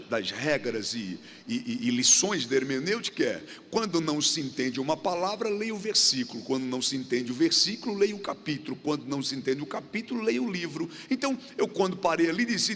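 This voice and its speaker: A man's voice: on the high side, bright, forceful tone, slightly rough. A Brazilian man preaching a sermon in a church, repeating refrains and acting out little dialogues as he talks. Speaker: guest preacher. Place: church sanctuary. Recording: church hall reverb.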